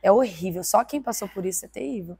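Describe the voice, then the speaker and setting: A woman's voice: mid-range voice, fast talker, gravelly, breathy edge. Emotional woman telling her faith testimony. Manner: emotional, animated storytelling. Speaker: guest giving a testimony. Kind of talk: personal faith testimony in conversation.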